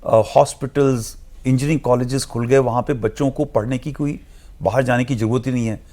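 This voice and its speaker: A man's voice: mid-range voice, steady tone, brisk, warm tone. A man speaking as a studio guest analyst in a discussion, explaining earnestly and emphatically, mixing English phrases into his talk.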